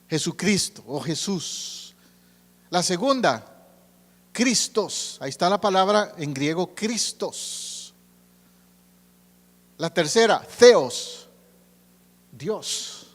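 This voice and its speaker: Man, pastor, high-pitched voice, preaching sermon, questioning congregation, long church reverb. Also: a bit bright. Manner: teaching, asks the congregation questions. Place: church sanctuary.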